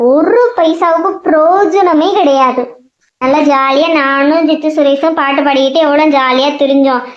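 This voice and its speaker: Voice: sits high, close to an everyday voice. Someone voicing a fretful, put-upon male cartoon monster who rants and complains in a whiny way, with a Tamil accent. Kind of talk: cartoon voice acting. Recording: roomy, dull lo-fi sound.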